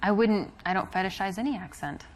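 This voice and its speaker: A woman's voice: mid-range voice, brisk, a little hiss or hum, natural voice. An actress with an American accent playing a young woman in a café who answers a pushy man bluntly in a game. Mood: unimpressed. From United States. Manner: dry, blunt, deadpan.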